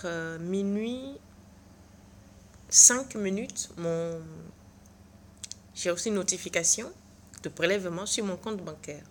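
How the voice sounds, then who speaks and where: A woman's voice: on the low side, slight background noise. A tired middle-aged woman at her workplace, dramatically retelling her day in a vlog and acting out the dialogue. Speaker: vlogger. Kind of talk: animated storytelling vlog.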